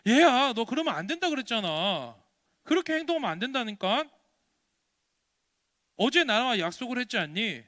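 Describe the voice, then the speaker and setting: A man's voice: very high voice, sing-song, normal speed, long pauses, pushed and bright, dry recording, studio quality, pitched above the performer's own voice, heavily acted. A man voicing a firm village grown-up who scolds a child for lying. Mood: scolding. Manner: firm, admonishing.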